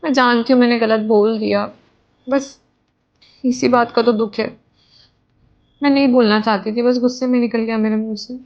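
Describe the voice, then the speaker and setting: A woman's voice: a little high, steady tone, moderate pace, long pauses, lightly acted. A woman playing a young bride pleading with her husband on the phone, in an amateur family drama. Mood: remorseful. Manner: pleading, aggrieved. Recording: dull lo-fi sound.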